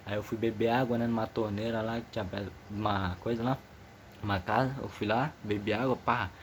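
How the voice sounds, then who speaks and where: A man's voice: fairly low pitch, fairly even intonation, brisk, a little hiss or hum. Nervous teen boy. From Amazonas, northern Brazil. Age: teenager, 15. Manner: slangy, rambling, many restarts. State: a bit nervous. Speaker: vlogger. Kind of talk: casual personal storytelling.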